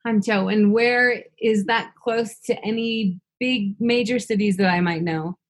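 A woman's voice: mid-range voice, a little slow. A woman interviewing a guest in a casual, encouraging way, with frequent fillers. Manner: friendly, encouraging, many fillers.

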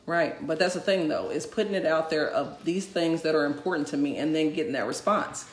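A woman's voice: low-pitched, brisk, echoey room, slight background noise. A woman co-hosting a casual chat, speaking emphatically and addressing listeners directly. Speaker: podcast co-host.

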